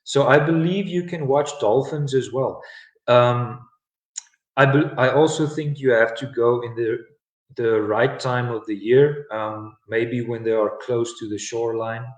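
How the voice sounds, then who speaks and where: A South African man gives a live online English lesson in a slow, unhurried way. He pauses often with ums and uhs. His voice carries a noticeable echo from the room. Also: medium pitch. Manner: relaxed, with many ums and uhs. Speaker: English teacher.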